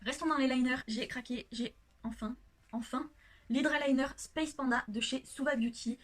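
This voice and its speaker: Chatty gushing woman vlogger, slightly high. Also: steady tone, moderate pace. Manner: chatty and gushing, with many hesitations. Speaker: beauty vlogger. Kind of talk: casual makeup haul vlog. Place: her home workshop.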